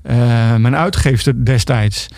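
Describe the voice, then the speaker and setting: A man's voice: medium pitch, measured pace, vocal fry, darkish tone, dry recording, clean studio sound. A middle-aged man, an author, talking as a guest in a radio interview, hesitant and full of filler sounds and restarts.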